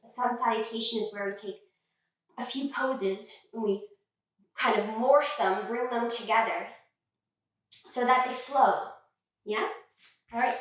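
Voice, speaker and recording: A woman's voice: a little high, a bit bright. A woman leading a children's yoga class in a playful, sing-song way, cueing poses and making animal sounds. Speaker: kids' yoga teacher. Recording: echoey room, voice from a distance.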